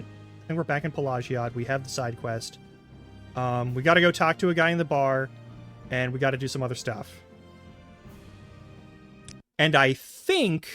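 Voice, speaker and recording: Guy rambling through a game stream, kinda high voice, curses a lot, faint music behind. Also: fairly bright tone. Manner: rambling, frank, swears casually. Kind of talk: casual live-stream commentary.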